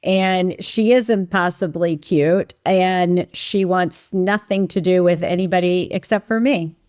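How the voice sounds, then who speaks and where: A woman's voice: fairly low pitch, unhurried, a little mellow, smooth, dry recording, studio quality. A woman guest on an interview podcast, an executive chatting in an easygoing, good-humored way. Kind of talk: casual interview chat.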